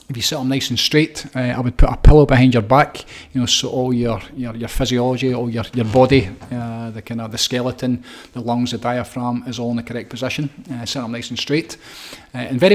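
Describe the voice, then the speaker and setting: A middle-aged man coaching breathwork, calmly guiding listeners step by step with frequent fillers and restarts. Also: mid-range voice. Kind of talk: guided breathing instruction.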